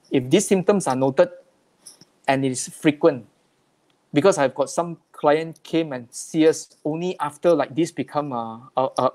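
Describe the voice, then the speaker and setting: A male speech therapist walks listeners through a health talk with slides. His voice sits a little higher than most men's. He explains in plain terms and often repeats words while finding his phrasing. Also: darkish tone.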